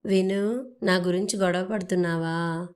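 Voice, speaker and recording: Woman reading an old, weary father for an audio story, faint and gentle. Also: lowish voice, fairly even intonation, a little slow, natural voice. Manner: faint, tired delivery.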